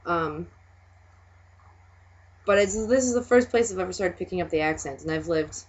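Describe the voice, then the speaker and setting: On a dull, lo-fi recording, a chatty young woman from Minnesota hosts a laid-back video chat in her home-state accent, breaking into laughter often between remarks. Her voice is on the low side, with lively intonation at a normal speed.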